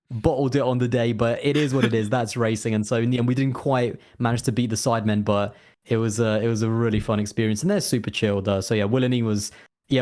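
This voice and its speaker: A racing content creator appears as a guest in a casual interview, speaking in a mid-range, slightly mellow voice. He rambles, scattering fillers and restarting his sentences often.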